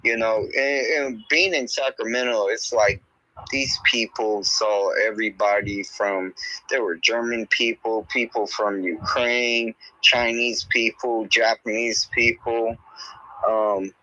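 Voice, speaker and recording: Rambling man telling stories in an audio chat, tense bright voice. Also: lowish voice, steady tone, slow, no echo. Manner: rambling, heavy on filler words. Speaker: speaker in a live audio chat. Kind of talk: casual chat, telling a story. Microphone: online audio chat. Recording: dull lo-fi online audio.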